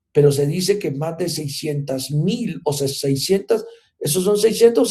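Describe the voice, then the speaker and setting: A man teaching a church class on revival. His voice sits fairly high yet sounds mellow and warm, and he keeps drawing his listeners in with rhetorical questions. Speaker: Bible teacher.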